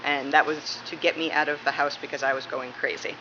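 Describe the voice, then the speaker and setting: Recorded in a clearly noisy room with a muffled sound, a woman from Massachusetts, United States, answers interview questions casually. She works as a police dispatcher and speaks briskly in a deep voice that barely changes pitch.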